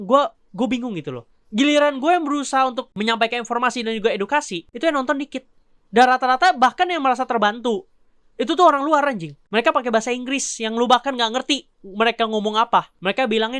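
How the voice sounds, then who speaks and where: A woman's voice: on the high side, dry recording, studio quality. Blunt, cursing woman with Jakarta slang. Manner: blunt, profane, scolding. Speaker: vlogger. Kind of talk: ranting commentary.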